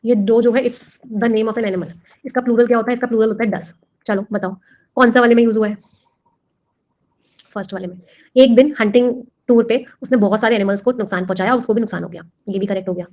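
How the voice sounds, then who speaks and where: A woman's voice: a little high, fairly even intonation, brisk, a little mellow, lo-fi sound. Quizzing woman teacher. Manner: explains in Hindi mixed with English, quizzing students. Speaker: English teacher for exam prep. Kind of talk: classroom lesson.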